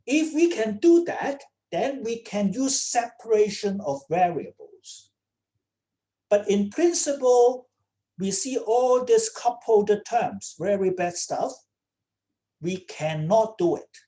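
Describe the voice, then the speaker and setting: Slow-spoken woman lecturing with many "okay?"s. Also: mid-range voice, animated, mellow. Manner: checks in with students often, repeating "okay?". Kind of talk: online lecture. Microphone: computer mic on a video call.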